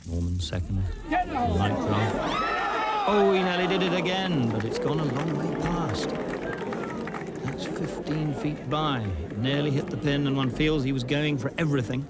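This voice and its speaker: A male golf commentator calls play live in clipped phrases and exclamations, following every shot. His medium-pitched voice sits in a very noisy outdoor broadcast with a big crowd all around. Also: unhurried. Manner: short phrases with exclamations, reacting to each shot. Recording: outdoor crowd noise over archive broadcast. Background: loud crowd and outdoor ambience.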